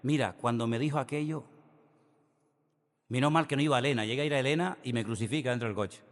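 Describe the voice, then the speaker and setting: A middle-aged man, preaching a sermon as a pastor with animated storytelling that moves between hushed and emphatic. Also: mid-range voice, fast talker. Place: church hall. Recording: reverberant church hall.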